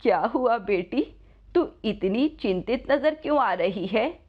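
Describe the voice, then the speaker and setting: A woman voicing an old woman, a goddess in disguise, who gives slow, motherly advice. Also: a little high, lively intonation, highs cut off. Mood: gentle.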